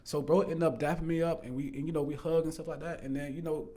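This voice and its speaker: A man's voice: a little high, fairly even intonation, fast, warm tone. A man casually telling a personal faith testimony, rambling and earnest, full of fillers, restarts and "bro". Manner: earnest, swears the story is true. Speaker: storyteller sharing a faith testimony.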